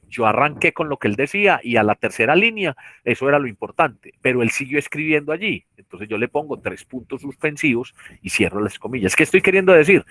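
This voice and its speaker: A man's voice: medium pitch, fairly bright tone, dry recording. A man with a Colombian accent giving a lecture in an online class, explaining step by step with many restarts and checking questions. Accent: Colombian Spanish. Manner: explanatory, repeats tag questions, frequent restarts. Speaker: teacher. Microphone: computer mic on a video call.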